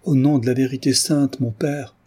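A man's voice: mid-range voice, fairly even intonation, normal speed, a little mellow, husky, pitched above the performer's own voice, close to an everyday voice. A man reading aloud, voicing a distraught, passionate young woman who speaks in a fervent, pleading way.

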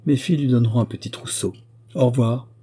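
A man reading the lines of a calm, kindly and authoritative old prince in an audiobook, speaking evenly and quietly commanding. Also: mid-range voice, quick pace, slightly rough, voice pushed up, natural voice. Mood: calm authority. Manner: even, quietly commanding delivery.

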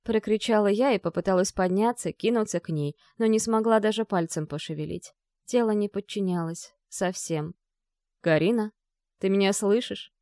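A woman's voice: mid-range voice, normal speed, dark tone, no echo, studio quality. A woman narrating a first-person story in an emotional, vivid storytelling manner.

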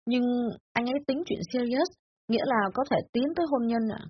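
Brief: woman as a tactful young daughter, quick, high, lively voice, dull lo-fi audiobook sound. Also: breathy edge. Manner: polite, hesitant questioning. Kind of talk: dramatized audiobook reading. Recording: dull lo-fi with faint music.

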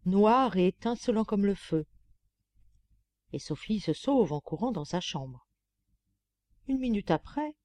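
A woman's voice: medium pitch, dark tone, no echo, natural voice. A woman voicing a gossipy, pampered female lapdog who writes confiding, mocking letters, in an audiobook reading. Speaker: audiobook reader. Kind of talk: audiobook narration.

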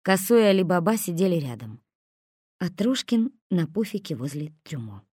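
A woman narrating a story in an expressive, lively audiobook reading. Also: fairly low pitch, moderate pace, breathy edge, dry recording, studio quality.

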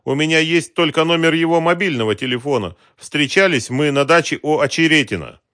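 A cowardly man terrified for his life, pleading and whining in a storybook , as a male narrator puts him on. His voice rises high and strained with fear. The sound is close and dry. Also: lively intonation, brisk, fairly bright tone, no room sound. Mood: gloomy fearful. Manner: panicked pleading. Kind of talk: audiobook character voice.

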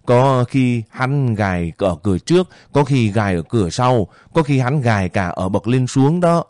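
A man voicing a sharp-tongued young village woman who scolds quickly and insistently. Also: medium pitch, expressive, no echo, clean studio sound, lightly acted. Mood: urgent.

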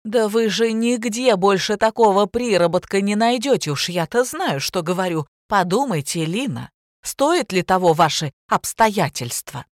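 A woman doing a haughty, shrill woman. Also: expressive, normal speed, dry recording, clean studio sound, close to an everyday voice. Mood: scornful. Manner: shrill, indignant, imperious. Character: loud, haughty middle-aged woman, indignant employer.

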